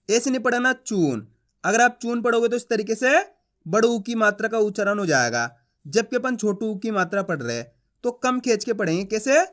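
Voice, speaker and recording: A man with a high voice runs a beginner's reading lesson for online viewers. His tone is bright and forceful. He stretches each syllable slowly and keeps checking whether the viewer has understood. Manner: drills sounds slowly, repeats questions to the viewer. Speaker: Hindi reading teacher. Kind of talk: online lesson, teaching aloud.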